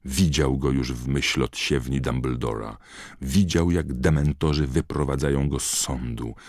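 A man narrating a fantasy audiobook in a steady storytelling reading. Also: a bass voice, measured pace, no room sound, studio quality.

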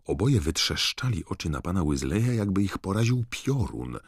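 A man narrating an audiobook in a measured, expressive storytelling manner. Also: low voice, breathy edge, no room sound, studio quality. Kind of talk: scripted narration.

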